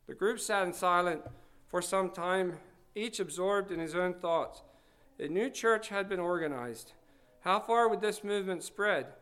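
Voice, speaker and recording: A man reading a story aloud to a congregation in a measured, earnest way. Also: high voice, fairly bright tone, clean tone.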